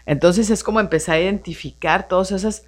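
A woman's voice: on the low side, fairly quick. A woman hosting a live radio show on personal growth, coaching listeners with a string of rhetorical questions. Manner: animated coaching tone, rhetorical questions, frequent "entonces" and "no?". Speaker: radio host.

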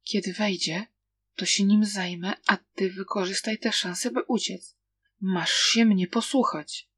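A woman voicing a calm, protective young swordsman who speaks in a low hush. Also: moderate pace, no room sound, close to an everyday voice. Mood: tense. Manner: hushed and low.

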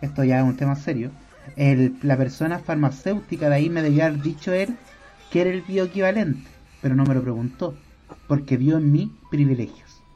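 A man's voice: a little high, brisk, warm tone, faint music behind. Chilean guy rambling through a story, trips on his words, kinda muffled lo-fi audio. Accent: Chilean Spanish. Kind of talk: casual chat. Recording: dull lo-fi sound.

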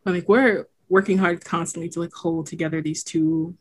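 A young woman originally from Haiti, with no accent left, speaks as a casual podcast guest in a fairly low, steady voice at normal speed. Her conversation is reflective, full of "like" fillers, and she laughs easily and often.

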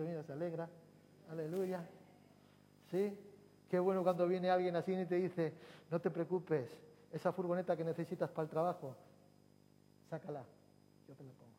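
Pastor, male, fervent repetitive preaching, fairly high voice, long church reverb. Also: a little mellow. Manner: preaching with swelling emphatic cries and repetitions. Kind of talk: sermon. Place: church hall. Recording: long hall reverb, faint hum.

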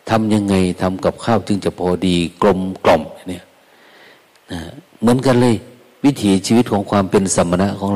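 Older monk man, low mellow voice, soft easygoing dharma talk, long hall echo. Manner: soft, unhurried, folksy with quoted asides. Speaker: Buddhist monk.

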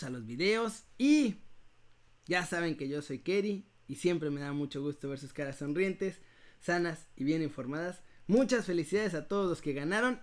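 High-voiced Mexican man, playful prize announcer. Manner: playful, animated prize announcer, drawing out winners' names. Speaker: host of an online news channel running a live giveaway. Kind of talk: casual livestream giveaway, talking to viewers.

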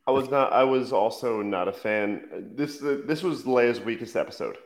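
Co-host, male, mid-pitched, critical, stammers, roomy echo. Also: lively intonation, normal speed. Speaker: podcast co-host. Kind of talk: casual show review chat.

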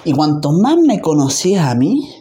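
A man's voice: moderate pace, slight background noise. A man with a Chilean accent, talking casually in a reflective self-help monologue, often repeating words in a rhythmic way. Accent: Chilean Spanish. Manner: animated, acts out quoted voices with pitch jumps; repetitive, rhythmic listing.

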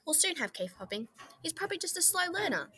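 A woman voicing a booming, kindly male kangaroo leader in a storybook reading, loud and decisive. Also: very animated, fast talker, exaggerated voice. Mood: booming hearty.

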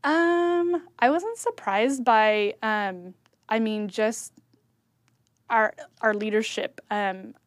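A woman's voice: on the high side, slow, no room sound, studio quality. A woman who coordinates a church's children's ministry, talking in a casual interview in a chatty, earnest way with lots of fillers. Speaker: kids ministry volunteer coordinator.

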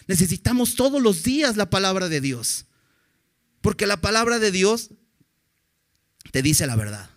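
A man's voice: high voice, fairly bright tone. A man preaching a sermon in an earnest, direct way, often putting questions to his listeners.

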